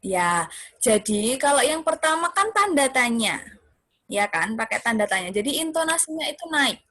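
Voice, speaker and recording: A woman's voice: high voice, sing-song, normal speed, pushed and bright, dry recording. Patient teacher woman on a video call. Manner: patient, coaxing, checks often if children can see. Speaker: homeschool teacher. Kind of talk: online class for young children. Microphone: computer mic on video call.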